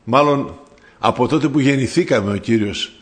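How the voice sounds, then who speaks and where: This sermon comes from a man with a mid-range voice who addresses the listeners as brothers. He preaches fervently and breaks into loud cries when quoting.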